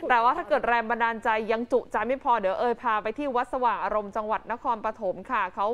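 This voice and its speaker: Lady tv news host, talks super fast, high voice, chatty banter. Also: dull audio. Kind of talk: casual news chat. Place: TV news studio.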